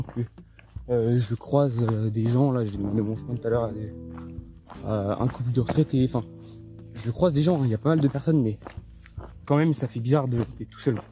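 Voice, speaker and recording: A young man films himself on a mountain trail and talks to his viewers in a loose, rambling way full of fillers and restarts. He sounds tired and low on spirits. It is recorded on a handheld phone out of doors. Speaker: hiking vlogger. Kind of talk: casual vlog to camera while trekking.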